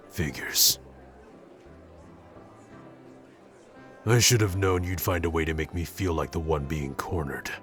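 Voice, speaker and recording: Speaking straight to the listener over background music, a man portrays an awkward, gruff young tsundere prince in an intimate roleplay, his words halting and grudging. His extremely low voice has a slight brightness, and his tone is grudging and teasing.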